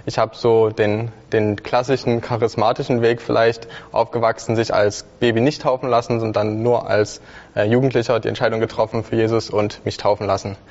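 A man hosting a discussion podcast, introducing the topic in a friendly, measured way. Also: fairly low pitch, darkish tone, big-room sound, lo-fi sound. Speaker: host.

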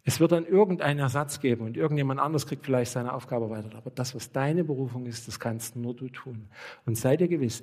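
A man preaching a sermon as pastor, telling a story vividly and speaking directly and earnestly to his listeners. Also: medium pitch. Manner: lively storytelling, acting out dialogue.

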